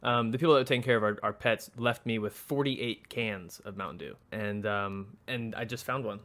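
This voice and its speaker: A man's voice: on the low side, brisk, a bit bright. A man co-hosting a podcast, chatting casually in a rambling, joking way. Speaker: podcast co-host. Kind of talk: casual chat.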